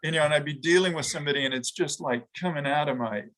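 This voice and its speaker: A middle-aged man, a guest in an interview, talking reflectively with frequent pauses, fillers and restarts. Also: fairly high pitch, fairly bright tone, low-quality recording. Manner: halting, thoughtful, many restarts and fillers. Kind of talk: reflective conversation.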